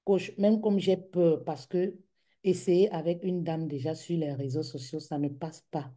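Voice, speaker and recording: Woman doing a hesitant woman client, pleading with her coach, a bit higher and mellow. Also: fairly even intonation, a little slow.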